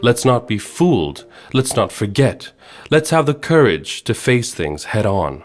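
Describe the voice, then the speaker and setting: A man from Sweden hosting a podcast, giving measured, earnest scripted narration. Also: medium pitch, very animated, soft background music. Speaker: podcast host.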